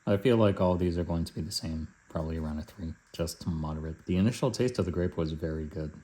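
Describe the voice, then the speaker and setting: Male food reviewer, low-pitched voice, casual and matter-of-fact, talking through a taste test in measured phrases. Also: dark tone.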